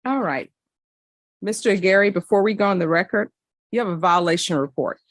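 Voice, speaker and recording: Woman, judge, firm, measured, direct, courtroom hearing, dry sound. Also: medium pitch, dry recording.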